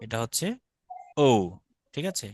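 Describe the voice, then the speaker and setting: Speaking a little slowly, with no echo in the recording, the Bangladeshi teacher walks through Sanskrit letters stroke by stroke. He demonstrates each one patiently and repeats it.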